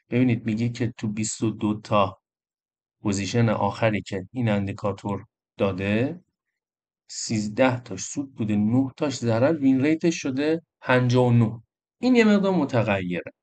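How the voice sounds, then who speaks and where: A man's voice: medium pitch, a little mellow. Casual male trading tutorial host. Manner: casual, addresses viewers as friends. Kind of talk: screen-recorded trading tutorial.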